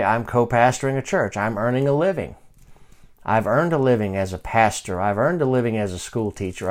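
A man in his fifties preaching a sermon, reading scripture slowly and moving from quiet asides to loud calls to pray. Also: medium pitch. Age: 50s. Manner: reads scripture slowly and deliberately. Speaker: pastor.

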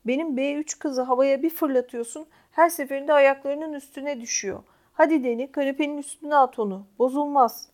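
A rowdy teenage boy in a storybook, loud and mocking, his voice pitched high and bright, as a woman reader puts him on. He shouts his taunts across the room. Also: moderate pace, hardly any pauses, close to an everyday voice. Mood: taunting.

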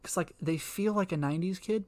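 A man's voice: high-pitched, brisk, crowd noise. A young man co-hosting a casual podcast, rambling and filling his talk with "like" and frequent laughs. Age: young adult. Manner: rambling, fills with "like", laughs often. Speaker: podcast co-host.

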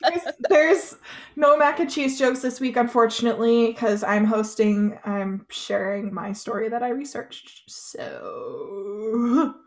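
A young woman co-hosts a podcast in easy, casual chat. Her voice sits a little high, and she talks loosely, laughs often and swears in passing. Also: expressive, slow. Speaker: podcast co-host.

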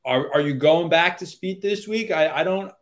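A man's voice: fairly high pitch, normal speed. A man hosting a golf betting podcast, chatting casually and putting questions to his co-hosts. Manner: conversational, asks co-hosts questions, wordplay. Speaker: podcast host. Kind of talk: casual sports betting chat.

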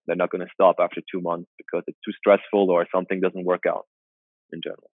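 Man, fairly low voice, halting answers, phone-quality sound, dry. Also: little pitch movement, dry recording. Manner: halting, restarts phrases. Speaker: strength coach and personal trainer. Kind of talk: interview answers. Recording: tinny phone-like call line.

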